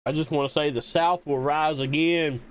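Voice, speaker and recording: A male streamer talks casually over his game, ribbing his friends and cursing as he jokes. His voice sits a little above the usual male pitch. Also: steady tone, normal speed, clean tone, no echo. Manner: joking, teasing banter with swearing. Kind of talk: casual gaming stream chat.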